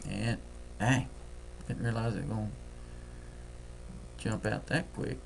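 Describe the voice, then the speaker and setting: A man with a Deep South accent, talking fast and folksy through a screen-recorded trading software tutorial. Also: steady tone, vocal fry, slight background noise. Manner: folksy, talks fast while clicking.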